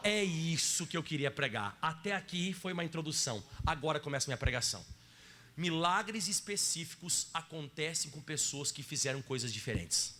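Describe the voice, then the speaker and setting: Male pastor, Brazilian accent; lively, emphatic sermon delivery, calls the crowd brother. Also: a little high, moderate pace, a little hiss or hum. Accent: Brazilian Portuguese. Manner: emphatic, keeps addressing the congregation as brother.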